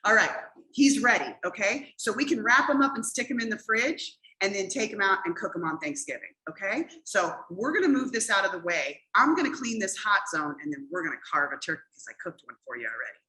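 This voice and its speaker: A woman's voice: mid-range voice, animated, a little fast, few pauses, bright, forceful tone, poor audio. A middle-aged woman leading a cooking demonstration in a casual, chatty way, explaining each step and often checking in with "okay?". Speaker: cooking class instructor.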